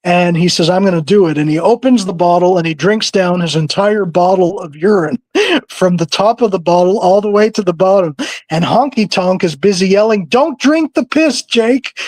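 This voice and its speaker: A man with a higher than usual voice tells a rambling story on a podcast, jumping into quick impressions of the people in it and laughing along the way. The recording is dry and close, with no room sound. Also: dry recording, rough recording. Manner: animated storyteller who acts out quoted people, laughs often. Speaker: podcast co-host. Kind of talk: casual storytelling chat.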